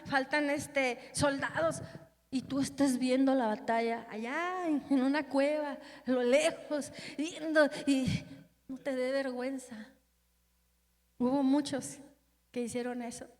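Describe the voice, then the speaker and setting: A woman preacher delivering a fervent, emotional sermon, her loudness rising and falling dramatically. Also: high-pitched, steady tone, a little slow, big-room sound.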